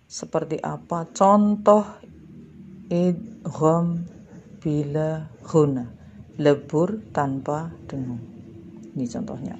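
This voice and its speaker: A woman's voice: fairly low pitch, a little mellow, muffled recording, slight background noise. A woman teacher explaining a lesson patiently to schoolchildren, drawing out the example words as she recites them. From Indonesia. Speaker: primary school religion teacher. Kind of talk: slow classroom lesson.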